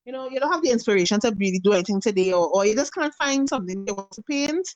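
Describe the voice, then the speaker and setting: A woman's voice: fairly high pitch, rapid-fire, highs cut off. A woman in her thirties with a Trinidadian accent, a painter chatting casually on a video call and acting out little quotes as she tells stories. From Trinidad and Tobago. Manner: animated storytelling, acts out quotes. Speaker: guest face and body painter. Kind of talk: casual interview chat over video call.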